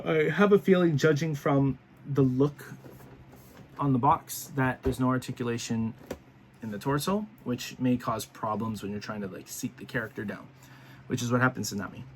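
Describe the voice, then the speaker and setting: A man in an easygoing talk-to-camera toy review, drifting from point to point with plenty of ums and restarts. He sounds a bit worn out and yawning, his voice sitting at an ordinary middle pitch. A faint hiss sits under the home recording. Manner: rambling, chatty, frequent fillers and restarts. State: tired, yawning. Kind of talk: casual talking-to-camera review.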